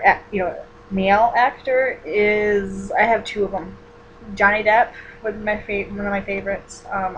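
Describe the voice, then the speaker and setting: A woman's voice: lowish voice, slight background noise, low-quality recording. A woman in her twenties chatting casually in a vlog, rambling with many fillers and restarts as she answers personal questions. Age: 20s. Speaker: vlogger.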